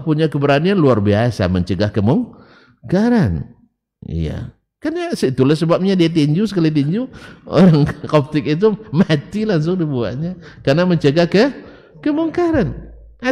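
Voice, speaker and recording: A man preaching a sermon a lively, swooping voice that sits a little high for a man. He jokes his listeners and throws out rhetorical questions. The sound carries a long reverb from the hall. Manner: animated, joking with the audience, rhetorical questions. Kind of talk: Islamic sermon.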